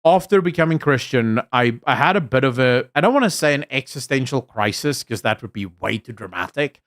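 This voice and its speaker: Reading viewers' chat during a casual live stream, a young Afrikaans man from South Africa offers forceful opinions, often using fillers and restarting sentences. His medium-pitched, slightly bright voice is lively and a bit fast, with an accent that blends Afrikaans, American and British.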